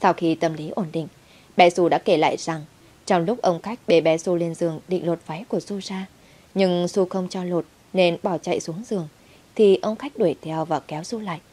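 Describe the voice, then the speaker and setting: A woman's voice: lowish voice, steady tone, normal speed, dark tone. A woman narrating a first-person story in a dramatic, heated way. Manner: dramatic, heated when quoting herself.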